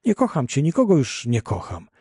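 A man's voice: medium pitch, wildly swooping pitch, fairly quick, mellow, slightly rough, no room sound, clean studio sound, heavily acted. A man reading an audiobook, voicing an unhappy, self-reproaching woman who is ending her marriage. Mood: pleading.

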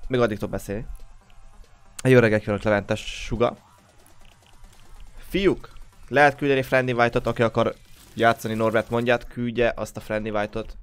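A man's voice: mid-range voice, flat delivery, clear, resonant tone, faint music behind. A young man hosting a game livestream, just woken up, greeting viewers one by one in casual chat. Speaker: livestream host.

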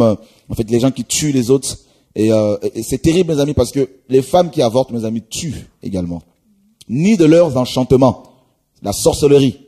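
A man preaching a sermon, reading scripture aloud and exhorting his listeners, often repeating "my friends" and pausing with hesitations. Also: mid-range voice, dark tone, breathy edge. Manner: exhorting, repeats "mes amis", many hesitations.

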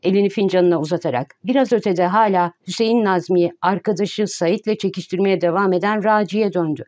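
Woman narrating a classic novel, warm. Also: medium pitch, brisk. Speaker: audiobook narrator. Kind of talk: scripted narration.

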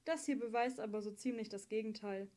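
Woman reading worn-out teenage girl, wry, plainspoken, fairly high warm voice. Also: fairly quick, close to an everyday voice. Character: weak, chained teenage girl singer, wry.

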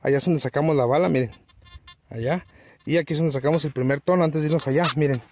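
A man's voice: a little high, quick pace, very noisy. A man, chatting to viewers outdoors as he hunts for old relics, often calling them his friends. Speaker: treasure hunting vlogger. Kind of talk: casual outdoor commentary. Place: outdoors in open countryside.

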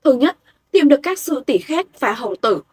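A woman voicing a resolute young male cultivator hero, in a husky voice, in a storybook reading. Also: sits high, big pitch swings, normal speed.

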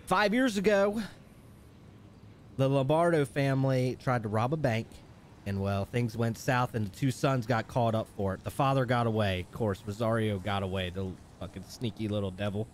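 A man's voice: on the low side, a little fast, darkish tone, a little hiss or hum. A man hosting a live game stream, chatting casually, reading out viewer messages and laughing often. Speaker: streamer and host. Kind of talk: live stream chat and roleplay commentary.

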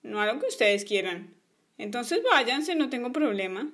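A woman's voice: on the high side, lively intonation, normal speed, fairly bright tone. A woman voicing a bossy, stubborn young boy in a toy play story, whiny in manner.

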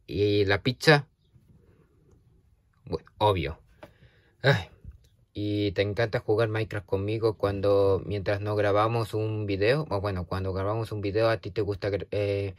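A man chatting to a silent companion in a halting, nervous way, stammering and restarting often, with sudden yelps. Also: fairly low pitch, fairly even intonation, no room sound. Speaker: video creator talking to a toy character. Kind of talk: casual one-sided chat to a silent companion.

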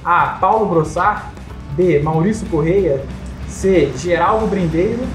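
A woman's voice: fairly low pitch, slow. A Brazilian woman hosting a quiz, reading out questions and answer options. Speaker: quiz host. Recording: echoey, light music behind.

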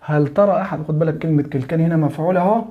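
A man with an Egyptian Arabic accent explaining a French grammar lesson, often checking that the student is following and slowly spelling out examples. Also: a little high, phone-quality sound. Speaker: French teacher.

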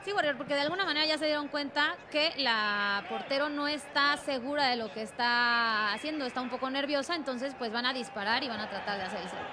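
A woman's voice: high-pitched, fairly quick, few pauses. A woman giving conversational match analysis as a football commentator. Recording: clear stadium noise behind voice.

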